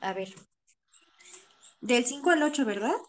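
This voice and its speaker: A woman with a somewhat high voice reads a passage of scripture aloud for a virtual study group. Her reading is measured and steady. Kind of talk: Bible reading. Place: virtual meeting.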